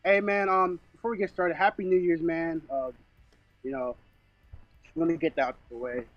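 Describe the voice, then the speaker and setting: A man calling in to chat casually about football, his voice muffled as if heard through a wall, talking haltingly with many fillers. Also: a little high, steady tone, no room sound, faint music behind. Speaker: caller. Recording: dull muffled phone call.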